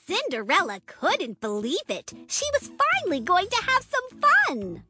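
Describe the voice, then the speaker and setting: A woman narrating a scripted children's story with animated, dramatic build-up. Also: extremely high pitch, unhurried, faint music behind.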